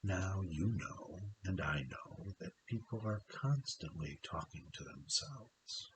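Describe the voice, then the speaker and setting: A man leading a guided relaxation in a soft, hypnotic way, drawing out short phrases with long pauses and sometimes dropping to a breathy half-whisper. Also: rumbling low. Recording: steady tape hiss.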